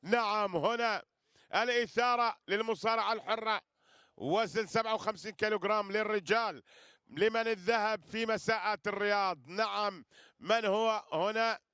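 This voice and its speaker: A man's voice: sits high, normal speed, bright, forceful tone, clean tone, no room sound, studio quality. A man giving live wrestling commentary, repeating phrases and addressing listeners with flourishes. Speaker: sports commentator.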